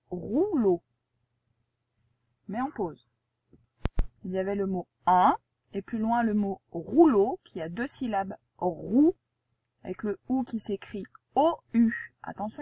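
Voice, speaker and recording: A woman's voice: medium pitch, a little mellow, slightly rough, no echo. A woman teacher giving a spelling lesson and dictation to a young pupil, articulating carefully, spelling out letters and asking the pupil patient questions.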